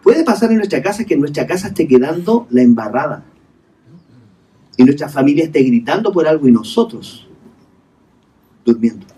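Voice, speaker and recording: A man's voice: a little high, animated, normal speed, pauses often, mellow, recorded from a distance. A male pastor preaching a sermon in a hotel hall, asking the congregation rhetorical questions and mixing English terms into his talk.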